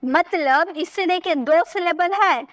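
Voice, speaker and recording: A woman with a high, bright-pitched voice teaches a grammar lesson, taking each rule slowly and checking in with her students as she goes. Her voice is recorded close to the mic in a dry room with almost no echo. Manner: patient, explains step by step and asks questions to check understanding. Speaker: English teacher. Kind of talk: spoken English lesson.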